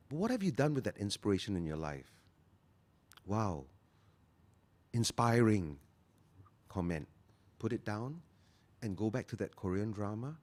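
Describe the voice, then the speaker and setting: A man, talking earnestly as a guest and slowing down to stress his key phrases. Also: lowish voice, darkish tone. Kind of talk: motivational interview talk.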